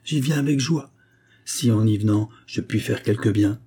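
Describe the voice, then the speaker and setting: Guy reading a ghost of a dead man, cold and solemn, real dark voice. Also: fairly low pitch, normal speed, slightly rough. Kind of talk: audiobook character voice.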